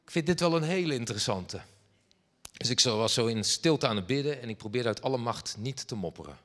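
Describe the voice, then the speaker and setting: A man preaching, telling a personal story in a lively way and acting out the dialogue. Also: medium pitch, fairly quick. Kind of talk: sermon anecdote. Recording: long hall reverb.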